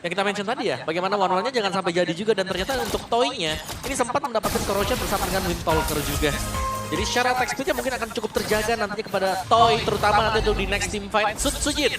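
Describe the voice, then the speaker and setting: Fast, high-voiced Indonesian male match analyst. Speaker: esports commentator, analyst. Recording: echoey, distant, music behind.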